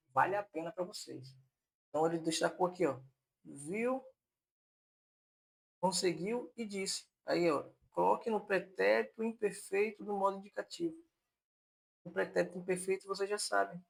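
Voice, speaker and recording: High, gravelly-voiced man teaching grammar. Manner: explanatory, repeats points on purpose to fix them. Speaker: Portuguese teacher. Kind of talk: online exam-prep lesson.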